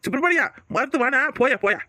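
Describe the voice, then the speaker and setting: A man's voice: extremely high pitch, expressive, fast talker, sharp tone, slight background noise, exaggerated voice. A man voicing a grumpy, bossy old grandfather in a cartoon, speaking with a Tirunelveli Tamil accent in a whiny, fussy way. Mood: irritable.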